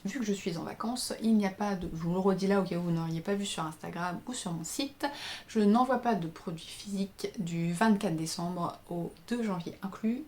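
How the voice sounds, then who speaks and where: Speaking at medium pitch with a somewhat dark tone, a tired knitting pattern designer and podcaster in her thirties holds a casual video podcast chat about crafting. She shows her work to the camera and talks hesitantly, with plenty of fillers.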